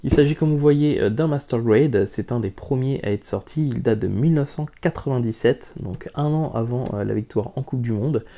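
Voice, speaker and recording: A man's voice: mid-range voice, normal speed, hardly any pauses, mellow. A man hosting a casual unboxing vlog, talking frankly about a model kit with lots of hesitations. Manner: chatty, many hesitations, frank opinions. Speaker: YouTube model-kit reviewer.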